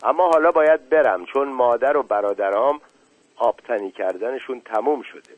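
A man voicing a curious, excitable young male chick in a storybook reading, calling out eagerly. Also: mid-range voice, dry recording, narrow, tinny audio, lightly acted. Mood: excited, curious. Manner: eager, exclaiming.

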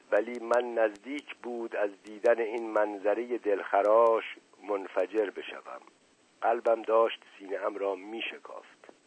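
Husky man reading a story, tinny. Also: on the low side, no room sound. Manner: dramatic, varied reading. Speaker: audiobook narrator. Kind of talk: scripted narration. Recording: tinny phone-like, dry.

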